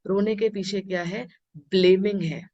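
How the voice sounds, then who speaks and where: A woman teacher gives a spiritual talk at an unhurried, deliberate pace, repeating key phrases and putting questions to her listeners. Her mid-pitched voice comes through a dull, lo-fi recording. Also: steady tone, mellow. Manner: mixes Hindi and English, asks the audience questions.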